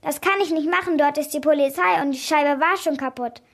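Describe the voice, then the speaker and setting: A woman voicing an angry man, a flower thief, who shouts and blusters in a storybook reading. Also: sits high, a little fast, gravelly. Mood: shouting.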